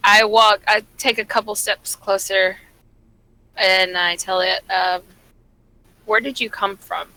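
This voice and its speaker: A woman's voice: medium pitch, steady tone, takes it slowly, sharp tone, low-quality recording. A woman chatting casually as a player in a tabletop game, describing what her character does.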